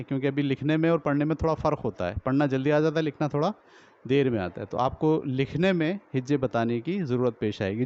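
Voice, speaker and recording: A man training teachers, explaining step by step, asking and answering his own questions and sounding out drill words slowly, with a Pakistani Urdu accent. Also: medium pitch, a little mellow. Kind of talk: lecture on teaching reading. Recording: dull lo-fi recording.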